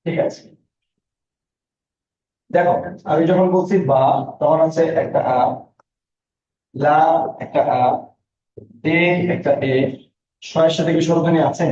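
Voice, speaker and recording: A man leads a class, reading out student names and asking the same question again and again until they get it. His voice sits fairly high but sounds mellow. He is far from a dull mic in an echoey room. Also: fairly even intonation, slow pace, pauses often. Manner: drills students with repeated questions; reads out student names and answers. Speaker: Bangla teacher. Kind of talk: online class lecture.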